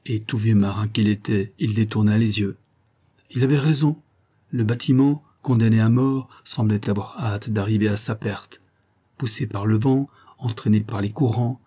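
A man reading a classic novel aloud as scripted narration in a steady, dramatic manner. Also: on the low side, normal speed, breathy edge. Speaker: audiobook reader.

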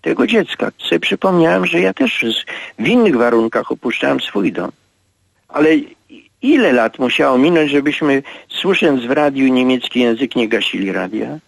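A priest in his eighties giving a radio interview, speaking slowly and reflectively with halting pauses. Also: medium pitch, lively intonation, creaky, no echo, rough recording. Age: 80s. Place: radio studio.

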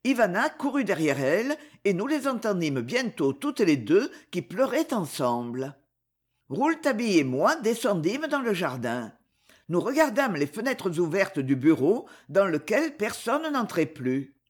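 An audiobook narrator reading a literary novel in an expressive, varied delivery. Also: mid-range voice, a little slow, slightly rough.

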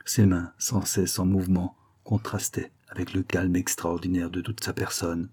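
A man narrating a literary story aloud in a measured, even manner. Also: deep voice, slightly rough. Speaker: audiobook narrator. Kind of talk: scripted narration.

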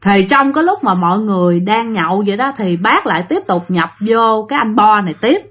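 A woman's voice: mid-range voice, expressive, brisk, fairly bright tone. A woman with a Southern Vietnamese accent, narrating listener-sent ghost stories in a chatty style that addresses her audience directly. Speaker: storyteller host. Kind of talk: casual spoken ghost-story narration.

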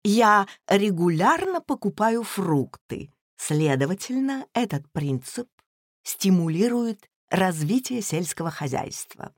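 A woman reading the lines of a prim, composed governess in a storybook, calm and precise. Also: mid-range voice, takes it slowly, no echo, studio quality. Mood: calmly reasoning. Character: prim, cool-headed female governess.

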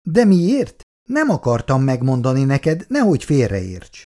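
A man's voice: medium pitch, wildly swooping pitch, warm tone, pitched above the performer's own voice. Man doing an awkward stammering young suitor. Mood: anxious, defensive. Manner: hesitant, stammering.

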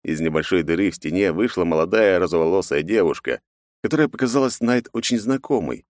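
A man narrating an audiobook in a measured, expressive way. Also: low voice, no echo, studio quality.

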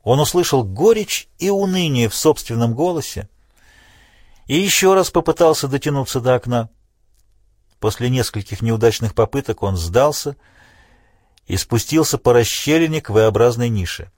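Guy reading an audiobook, steady dramatic delivery, totally dry sound. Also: mid-range voice, normal speed, no room sound. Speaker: audiobook narrator. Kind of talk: scripted audiobook narration.

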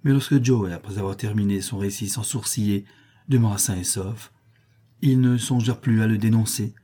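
A man reading a classic novel aloud as an audiobook narrator, in a steady, measured way. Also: lowish voice.

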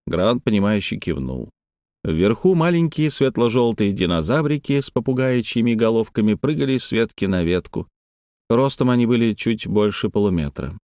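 A man reading an adventure novel aloud as an audiobook narrator, steady and measured. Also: fairly low pitch, no room sound, studio quality. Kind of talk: scripted narration.

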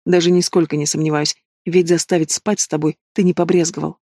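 A man's voice: fairly high pitch, little pitch movement, fairly quick, dry recording. A man voicing a frightened but defiant young pregnant woman in an audiobook. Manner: sharp and defiant.

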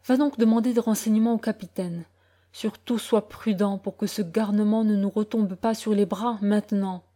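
A woman voicing an anxious, sharp-tongued middle-aged mother who talks in an urgent, scolding way. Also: medium pitch, steady tone, normal speed, natural voice.

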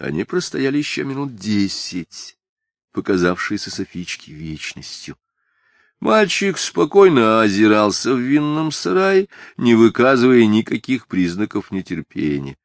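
Man, audiobook narration, very low pitch, animated melody. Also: no room sound. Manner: expressive, story-reading cadence. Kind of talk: scripted storybook narration.

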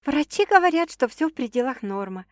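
A woman's voice: sing-song, brisk, dry recording, clean studio sound. A woman voicing a young pregnant bride-to-be in an audiobook, nervous but cheerful. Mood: teasing. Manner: bright, higher girlish delivery.

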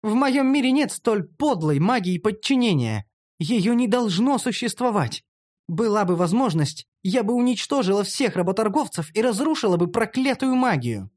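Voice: medium pitch, big pitch swings, moderate pace, voice pushed up. A narrator voicing a bold, mocking young female elf in an audiobook, talking brashly and teasingly. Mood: indignant. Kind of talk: audiobook character voice.

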